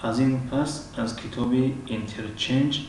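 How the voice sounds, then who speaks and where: A man with a Tajik accent teaching an English lesson. He pauses often with drawn-out fillers, clears his throat, and repeats each example word slowly. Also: medium pitch. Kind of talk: language lesson. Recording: very echoey room, mic at a distance, faint background noise.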